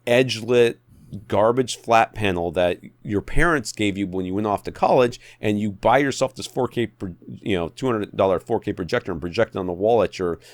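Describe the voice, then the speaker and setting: A man with a fairly low-pitched voice co-hosts a podcast, dispensing opinionated tech advice in a blunt, exasperated and emphatic way and repeating points for effect. There is no room sound in the recording.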